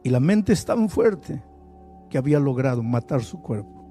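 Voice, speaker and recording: A male pastor preaching a sermon, telling a story at first and then building to loud, emphatic appeals. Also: medium pitch, very animated, moderate pace, soft background music.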